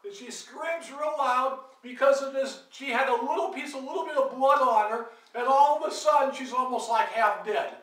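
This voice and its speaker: Older grandpa storyteller, high bright voice, lively and dramatic, echoey room, off-mic. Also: male voice, normal speed, few pauses, far from the mic. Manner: animated, dramatic, makes sound effects. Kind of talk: family storytelling.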